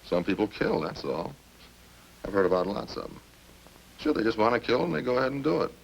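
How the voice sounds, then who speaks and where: A man voices a talkative, smug murder suspect in a radio crime drama, folksy and evasive as he casually pokes at the police. His lowish voice is sing-song, creaky and fairly quick. The audio is rough, a hissy old radio recording.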